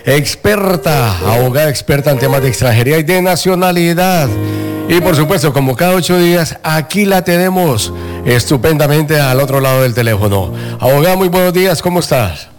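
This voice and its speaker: A man's voice: fairly high pitch, fairly quick. Effusive male radio host over music. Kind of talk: upbeat music-radio hosting, chatting with a guest.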